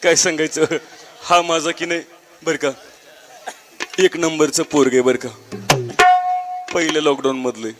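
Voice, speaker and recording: A man's voice: on the high side, level tone, unhurried, pauses often, lightly acted. A man performing a comic folk piece, voicing a boastful, doting village mother who coos and coaxes her oversized grown baby. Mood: doting, teasing. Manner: cooing, coaxing, sing-song calls. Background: tabla and folk music.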